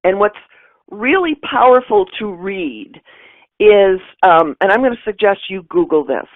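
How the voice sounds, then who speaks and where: A woman's voice: mid-range voice, animated, measured pace, no room sound. A woman presenting in a webinar, answering a question in a careful, explanatory way. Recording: tinny phone-like line, dry.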